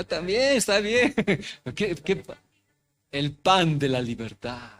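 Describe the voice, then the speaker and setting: A man preaching a sermon in church who keeps asking his congregation questions and repeating his phrases. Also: fairly high pitch. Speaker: pastor. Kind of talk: interactive sermon. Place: church hall.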